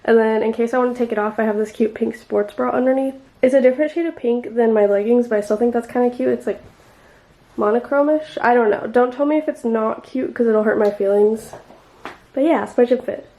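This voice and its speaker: A woman's voice: a little high, brisk, dark tone, poor audio. Congested young woman vlogging casually. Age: 20s. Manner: chatty, rambling, lots of "like". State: congested, phlegmy from a cold. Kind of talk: casual chat to camera. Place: car and around town.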